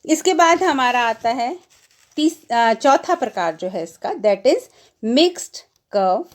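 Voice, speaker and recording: A woman with an Indian accent giving a classroom lecture, explaining each term slowly and repeating it in two languages. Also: on the high side, animated.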